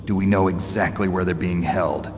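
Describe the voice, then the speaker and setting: A man voicing a gruff, cynical special operations soldier in a video game, terse and sardonic. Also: low-pitched, fairly even intonation, normal speed, background noise, close to an everyday voice. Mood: serious, probing. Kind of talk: dramatic video game voice acting. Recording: long hall reverb, music behind.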